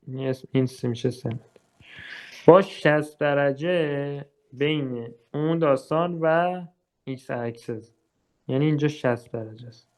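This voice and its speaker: Chatty young male physics tutor, higher voice. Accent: Persian. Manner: chatty, thinks aloud with fillers and checks. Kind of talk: casual exam walkthrough lesson.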